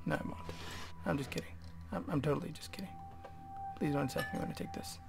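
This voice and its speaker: A man's voice: on the high side, fast, creaky, music in the background. Jumpy, nervous man gaming. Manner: jumpy and nervous, swears, drops to whispers. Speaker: gamer playing a horror game. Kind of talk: let's play commentary. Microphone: desk microphone.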